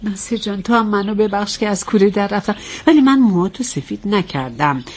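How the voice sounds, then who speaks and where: An actress playing a touchy, quick-tempered older wife who snaps back at her husband. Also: medium pitch, darkish tone, lightly acted. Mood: indignant. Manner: indignant, snappy.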